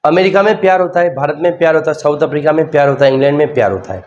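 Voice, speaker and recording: A man's voice: a little high, racing, darkish tone, muffled recording, a little hiss or hum. A man with a Hindi accent teaching a sociology class, repeating key terms and asking and answering his own questions. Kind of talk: classroom lecture.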